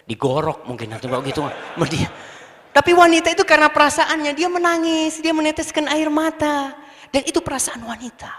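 Animated preacher man in a reverberant hall. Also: fairly quick. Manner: animated, swings from low murmurs to high emphatic bursts. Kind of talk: sermon.

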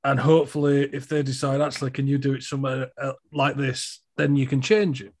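A man with a Northern English accent, an actor talking casually about auditions, chatty and animated in his storytelling. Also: medium pitch, fairly quick. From Northern England. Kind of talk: casual chat.

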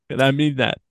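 A young man in casual podcast chat, ranting with sarcastic mock quotes. His mid-pitched voice is recorded close and dry, with no room sound. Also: dry recording. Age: young adult. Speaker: podcast co-host.

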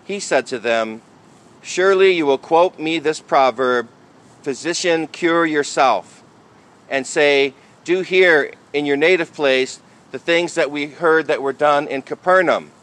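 A man speaking as a priest in a liturgical reading and homily style, with measured, deliberate phrasing. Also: a little high, fairly bright tone. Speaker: priest reading the Gospel and preaching.

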